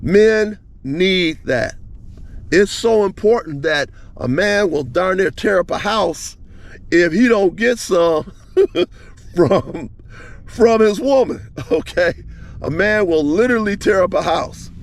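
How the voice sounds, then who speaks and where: Male advice vlogger, casual monologue, gravelly voice, animated storytelling full of restarts. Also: high voice. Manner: animated retelling, many restarts, speeds up and slows down.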